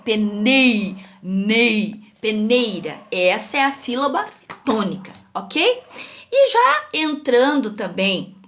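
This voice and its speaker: A woman's voice: fairly high pitch, fairly bright tone. A young Brazilian woman teaching an online grammar lesson to children, patient and sing-song, often checking in with her pupils. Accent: Brazilian Portuguese. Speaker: school teacher.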